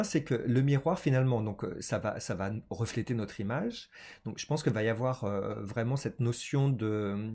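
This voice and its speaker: A man doing a casual oracle card reading for his viewers, talking hesitantly with many fillers and small laughs. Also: mid-range voice. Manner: hesitant, many fillers, chatty and warm-toned about cards.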